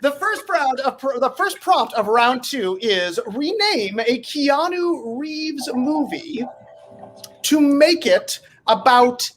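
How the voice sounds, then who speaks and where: A woman hosting a live comedy game show, bubbly and animated, laughing often. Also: sits high, slow, rough recording.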